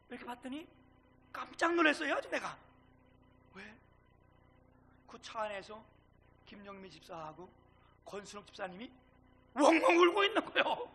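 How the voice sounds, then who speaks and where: Male pastor, middle-aged, animated sermon delivery; gravelly, very bright tone. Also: extremely high pitch. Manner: animated, swings between loud and hushed; acts out quoted dialogue.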